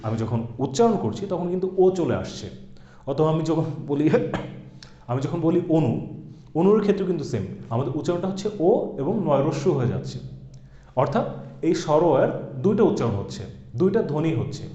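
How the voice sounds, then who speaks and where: A man's voice: fairly high pitch, mellow. A man giving a recorded exam-prep grammar lecture, explaining step by step and repeating example words. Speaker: grammar teacher. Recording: echoey room, dull lo-fi sound.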